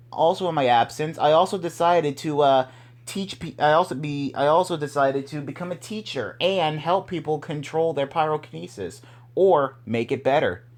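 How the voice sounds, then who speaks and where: A young man hosting a casual fan show, upbeat and rambling with many restarts. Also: a little high. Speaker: host.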